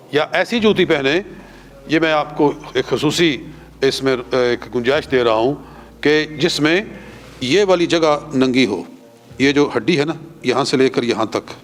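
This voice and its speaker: Urdu cleric teaching pilgrimage rites. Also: male voice, medium pitch. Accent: Punjabi-influenced Urdu. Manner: has listeners repeat prayers after him, slow and drawn out. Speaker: religious teacher. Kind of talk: teaching a class.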